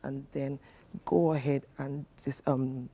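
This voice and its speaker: A man's voice: medium pitch, flat delivery, slow, gravelly, warm tone, breathy edge. A man, a relationship coach giving earnest, instructive advice in a TV studio interview, with many fillers.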